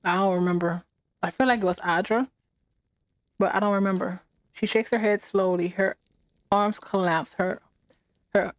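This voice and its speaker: A woman reading a fantasy game's text aloud during a let's play, with halting restarts and short reactions of her own. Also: medium pitch, dry recording.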